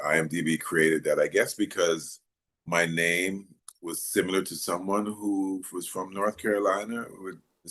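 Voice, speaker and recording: Man w a very low voice, from jamaica, raised in maryland, rambly casual interview chat. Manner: relaxed, rambling with many fillers. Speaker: actor guest.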